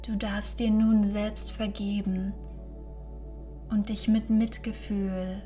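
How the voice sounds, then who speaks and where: A woman leading a guided meditation in a soft, breathy near-whisper, soothing and unhurried, gently giving instructions. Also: medium pitch, little pitch movement, soft background music. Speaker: podcast host and guided meditation leader.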